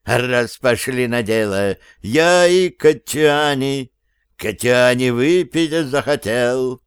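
A man's voice: medium pitch, sing-song, slow pace, dry recording. A man voicing a touchy, defensive male circus performer in an audiobook. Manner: pleading, defensive.

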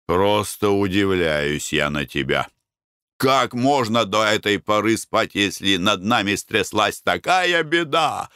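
A man voicing a panicky middle-aged husband abroad, fretful and hurried, in a storybook reading. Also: medium pitch, expressive, bright, forceful tone, no room sound, clean studio sound. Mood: anxious, hurried.

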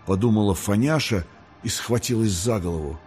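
A man reading an audiobook in a measured storytelling manner. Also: lowish voice, a little mellow, faint music behind. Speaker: audiobook narrator. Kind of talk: scripted narration.

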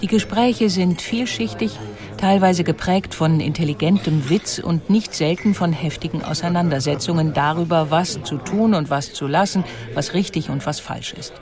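Reading a documentary script, a woman with a voice on the low side narrates articulately and deliberately, storytelling emphatically, while crowd noise sounds in the background.

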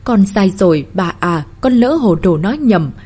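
A woman's voice: mid-range voice, lively intonation, moderate pace, slightly rough. Woman doing a sobbing, pleading middle-aged mother. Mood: tearful pleading. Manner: soft, sobbing plea.

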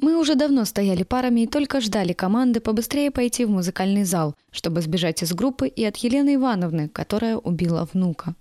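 A woman reading a first-person story aloud in a steady, even storytelling manner. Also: mid-range voice, fast talker, hardly any pauses, no echo, studio quality. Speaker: narrator. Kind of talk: first-person audiobook narration.

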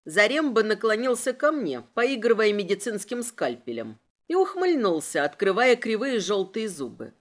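A woman narrating a first-person story as an audiobook, with expressive storytelling. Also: on the high side.

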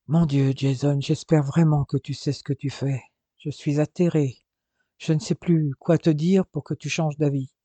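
A man's voice: fairly high pitch, little pitch movement, normal speed, dark tone, dry recording, natural voice. A man voicing an anxious, distraught young man pleading with his twin brother, in an audiobook. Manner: agitated, imploring.

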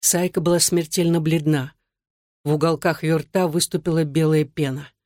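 Female audiobook narrator, lowish voice, calm and even, dry close sound. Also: normal speed, no echo.

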